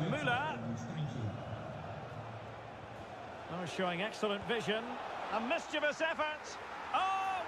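An excitable male football commentator calls a video game match with dramatic emphasis. His pitch runs extremely high, over very loud stadium noise. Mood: building excitement.

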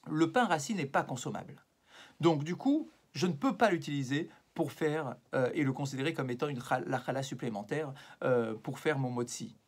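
A man's voice: mid-range voice, lively intonation, moderate pace, breathy edge. A man giving an evening religious lesson as a rabbi, explaining patiently and mixing Hebrew passages into his talk with frequent hesitations. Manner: explanatory, weaves Hebrew passages into French, frequent "euh" and "d'accord".

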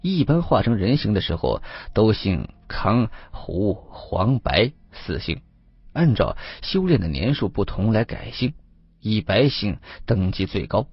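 A man with a low, slightly husky voice tells a serialized ghost-lore story in the first person, his pitch rising and falling with lively contour. The take is dry and close but a little muffled, with faint music underneath. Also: no room sound. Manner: steady storytelling with measured emphasis. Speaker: audiobook narrator. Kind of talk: serialized audio story narration.

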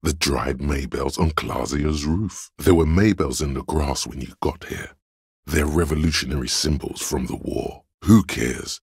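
Speaking as a video game detective's inner reasoning, a man sounds cold, analytical and condescending, his deep, gravelly, husky voice measured and deliberate, with an intent, pressing mood. It's scripted narration in a full character voice, captured dry and clean in a studio.

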